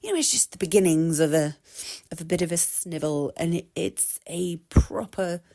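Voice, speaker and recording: An Englishwoman in her thirties hosts her own podcast, giving a casual solo monologue that's rambling and chatty, full of restarts and laughter. Her lowish, mellow voice has vocal fry and moves at a moderate pace, and she sounds a little congested from a cold coming on.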